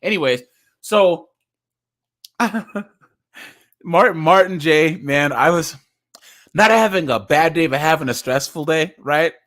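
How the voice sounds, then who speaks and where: Upbeat young male streamer, a bit higher-pitched, loose chatty reaction delivery with frequent laughs and restarts. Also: animated, slow pace, pauses often, a bit bright. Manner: chatty, laughs often, stumbles and restarts words. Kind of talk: casual reaction commentary.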